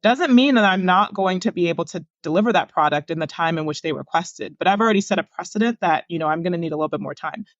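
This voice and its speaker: Woman doctor guest, lowish voice, measured and explanatory, dull dry audio. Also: animated, no room sound. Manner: measured, explanatory advice-giving. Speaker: physician researcher, guest. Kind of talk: podcast interview.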